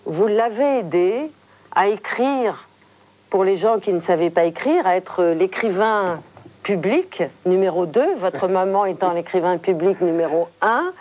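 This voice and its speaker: Mellow-voiced woman interviewer, measured and eloquent. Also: medium pitch, expressive. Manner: measured, eloquent, building phrases in lists. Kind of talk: formal TV interview.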